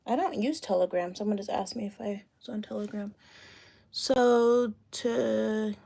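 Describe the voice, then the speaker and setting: A mellow, dark voice of medium pitch, carrying a gravelly fry, belongs to a realtor in her late thirties hosting a casual livestream Q and A from home. She talks into her phone camera, loose and chatty, thinking aloud while fixing her hair.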